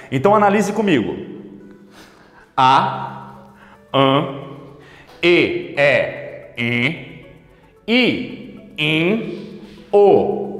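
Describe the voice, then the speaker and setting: A man teaches with playful, theatrical energy, asking himself questions and then answering them. His pitch jumps around a lot. He sounds like he's in an echoey room with a long tail of reverb and faint music underneath. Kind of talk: energetic video lesson.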